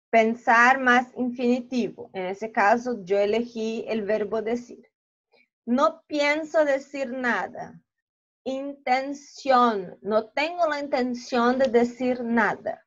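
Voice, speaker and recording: A woman teacher from Brazil explains grammar at a very unhurried, patient pace, her voice set a little high. She checks in with her students often. The recording sounds dull and lo-fi. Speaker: Spanish teacher. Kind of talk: online class review lesson.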